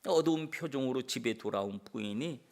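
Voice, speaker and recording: A man's voice: mid-range voice, lively intonation, a little fast, darkish tone. A male pastor giving a sermon in church, telling stories with emphatic, rising peaks.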